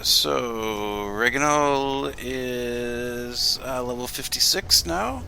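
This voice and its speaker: A man's voice: mid-range voice, vocal fry, bright, forceful tone, a little hiss or hum. A man casually commenting while he plays a game on a live stream, rambling and self-deprecating, often trailing off mid-sentence. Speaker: gameplay streamer.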